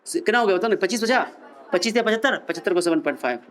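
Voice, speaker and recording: High-voiced, joking physics teacher. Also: male voice, lively intonation, rapid-fire. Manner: teasing, jokey, quizzes the students. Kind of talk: playful classroom lecture.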